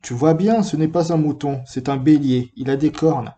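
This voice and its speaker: A man's voice: fairly high pitch, normal speed, mellow, lightly acted. A man reading aloud, voicing a small, earnest, curious boy prince in a storybook reading. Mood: insistent.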